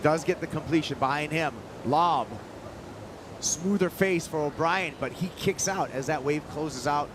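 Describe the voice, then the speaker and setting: A man's voice: a little high, measured pace, noisy background. A man calling a live surf contest as an announcer, in a laid-back surfer manner with plenty of surf slang. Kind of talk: live sports commentary.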